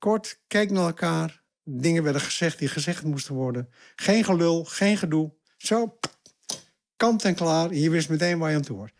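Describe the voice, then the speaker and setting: An older man sits telling a long story from his working life. His voice sits a little high, and he leaps up in pitch when he acts out the people he quotes. He jumps between quiet asides and loud, vivid retellings. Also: normal speed. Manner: animated, acts out quoted shouting. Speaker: interviewee recounting his career. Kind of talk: storytelling recollection.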